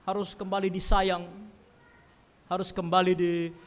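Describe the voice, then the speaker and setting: A man preaching a Sunday sermon in a church, emphatic, swinging between loud stresses and quiet asides. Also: high-pitched, little pitch movement, unhurried, in a large hall.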